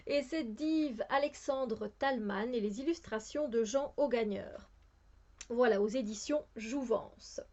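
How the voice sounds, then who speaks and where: A woman's voice: high voice, a little mellow, lo-fi sound. A woman with a Belgian French accent chatting casually about her new books, hesitant with many fillers and restarts. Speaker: book vlogger. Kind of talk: casual book haul chat.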